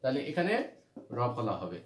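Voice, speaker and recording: A man's voice: medium pitch, very animated, moderate pace. A man from Bangladesh teaching a grammar lesson, repeating rules and asking questions that he answers himself. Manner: repetitive, asks questions then answers them. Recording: roomy echo.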